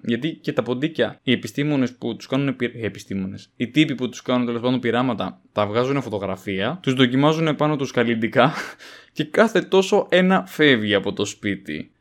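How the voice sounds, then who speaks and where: Casting: young male comedian, podcast monologue, mid-pitched, jokey, animated, with sudden high jumps in pitch. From Greece. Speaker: podcast host, stand-up comedian.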